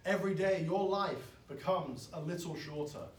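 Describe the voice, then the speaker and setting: A man, preaching a sermon in an earnest, pleading way that swells loud and then drops soft. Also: a little high, moderate pace. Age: 20s. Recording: echoey, from far off.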